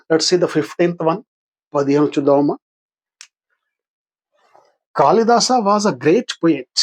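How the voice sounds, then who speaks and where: A man's voice: a little high, darkish tone. An older man with a Telugu accent teaching English grammar for exam practice, patiently asking questions and answering them himself. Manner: patient, asks and answers his own questions.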